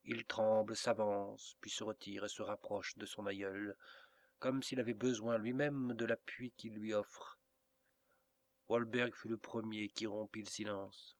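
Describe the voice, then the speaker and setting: A man reading a classic novel aloud as an audiobook narrator, in a measured, even delivery. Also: fairly low pitch. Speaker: audiobook reader. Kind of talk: literary narration.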